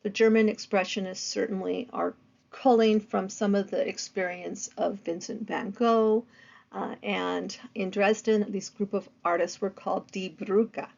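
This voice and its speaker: A woman lecturing on art history, with a gravelly, fry-tinged voice. She speaks in a loose, conversational way, filling pauses with ums and uhs. The recording is dull and lo-fi. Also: medium pitch, fairly even intonation, darkish tone. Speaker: art teacher.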